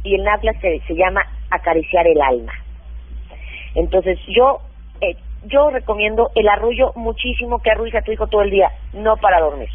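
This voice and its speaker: A woman's voice: mid-range voice, animated, normal speed, husky, no echo. A woman who is a parenting expert gives practical advice in a radio interview and explains things step by step with examples. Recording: phone-like narrow band, dry.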